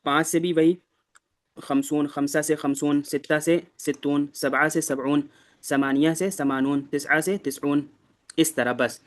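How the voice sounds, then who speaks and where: A man teaching a class in a fairly high voice. He explains each step slowly and with patience, as in an ordinary classroom lesson. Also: steady tone. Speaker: Arabic teacher.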